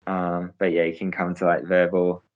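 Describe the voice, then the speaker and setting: A man's voice: sits low, monotone, moderate pace, phone-quality sound. A young man, a professional cyclist, answering interview questions in a hesitant way, with many fillers and restarts.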